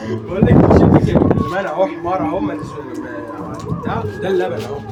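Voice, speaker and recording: A man's voice: on the high side, huge pitch swings, quick pace, lo-fi sound, very noisy. A man with an Egyptian Arabic accent hosting a casual prank vlog, chatty and often repeating himself. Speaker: prank video host. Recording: echoey room with loud music.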